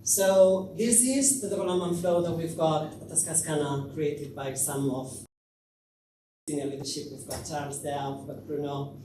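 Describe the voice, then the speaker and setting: A man's voice: fairly high pitch, steady tone, a little slow. Man speaking in an echoey hall, far off. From Spain. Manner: hesitant, many fillers. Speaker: conference speaker. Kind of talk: conference talk. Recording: echoey hall, distant mic, noisy.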